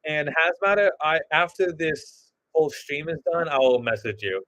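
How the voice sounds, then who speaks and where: A man's voice: fairly high pitch, lively intonation, moderate pace, a bit bright, no echo, poor audio. A man chatting loosely and jokingly with his viewers as a stop-motion creator on a casual livestream.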